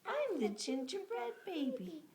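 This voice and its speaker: A woman reading to a toddler, voicing a cheeky, boastful little gingerbread baby with loud sing-song taunts. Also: extremely high pitch, big pitch swings, measured pace, gravelly, a crowd in the background, voice pushed up, heavily acted. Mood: gleeful taunting. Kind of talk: storybook character read aloud to a toddler.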